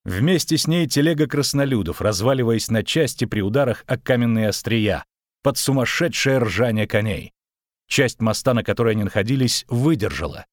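A man's voice: mid-range voice, lively intonation, normal speed, no echo. Man reading an audiobook, dry sound. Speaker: audiobook narrator. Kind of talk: scripted narration.

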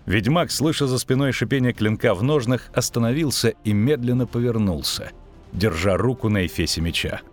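A man narrating a fantasy audiobook in a measured, dramatic reading. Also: mid-range voice, faint music behind.

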